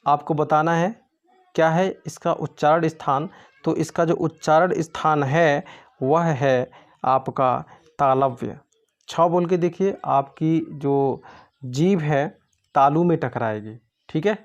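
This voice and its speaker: Patient male tutor, dull lo-fi sound. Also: fairly high pitch. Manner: patient, repeats "ठीक है" often, asks and answers his own questions. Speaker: exam-prep tutor. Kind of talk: explaining quiz answers step by step.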